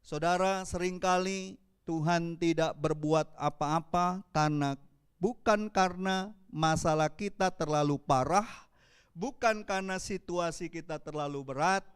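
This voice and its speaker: A man with a Palembang accent preaching a sermon as pastor, animated and calling out to the congregation. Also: fairly high pitch, measured pace, clean tone.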